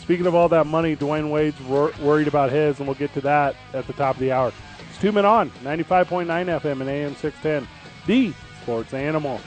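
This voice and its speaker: A man hosting a sports radio show in casual, conversational talk, often repeating and rephrasing as he builds a point. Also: a little high.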